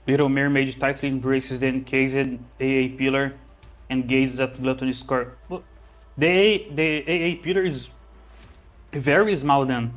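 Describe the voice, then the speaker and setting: A man's voice: mid-range voice, a little slow, faint music behind. A man streaming a game, chatting casually and reading the story aloud, rambling and correcting himself, speaking into a phone held close. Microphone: phone held close to the mouth.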